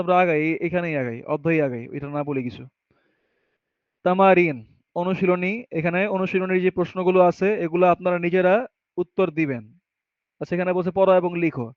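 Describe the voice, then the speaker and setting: A man teaching Arabic grammar step by step. He often asks a question and then answers it himself, and he reads the Arabic sentences slowly. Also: high-pitched, clear, resonant tone, no room sound. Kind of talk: classroom grammar lesson. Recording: dull, muffled sound.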